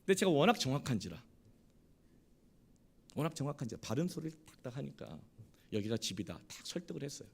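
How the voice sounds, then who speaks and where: Middle-aged korean pastor, gravelly kinda high voice, tells his story quiet then gets loud. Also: big pitch swings, quick pace, pauses often. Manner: storytelling, swings from hushed to loud and emotional. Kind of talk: sermon with personal story.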